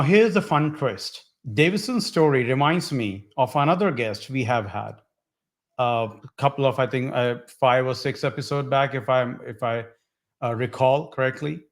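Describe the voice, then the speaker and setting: A man hosting a podcast, introducing his guest with many pauses and filler words. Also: mid-range voice. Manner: hesitant, many uh fillers and broken phrases. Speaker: podcast host. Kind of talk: casual podcast interview.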